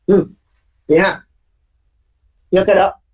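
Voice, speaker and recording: A man teaching a recorded phonetics lecture, his voice a little husky and pitched somewhat high for a man. He explains patiently and repeats the main points, slowing right down to stretch out each example word. The tone stays steady and instructive. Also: low-quality recording. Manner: explains patiently, drawing out example words slowly; repeats points for emphasis with tag words.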